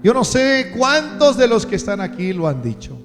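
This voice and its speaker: A man's voice: extremely high pitch, sing-song, moderate pace. A male pastor preaching a sermon, repeating emotional questions over and over. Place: church hall. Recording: long church reverb with music behind.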